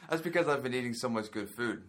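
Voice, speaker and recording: A young man from Indiana who is training as a chef, chatting as a podcast guest in a relaxed, laughing way with lots of hesitations. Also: medium pitch, fast talker. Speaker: podcast guest, culinary student. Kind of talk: casual chat.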